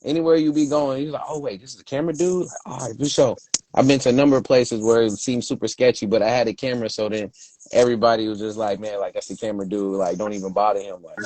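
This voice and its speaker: A man's voice: medium pitch, fairly even intonation, fast talker, a little mellow, slight background noise, rough recording. A man from Brooklyn hosting a casual chat, talking in laid-back street slang. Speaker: host.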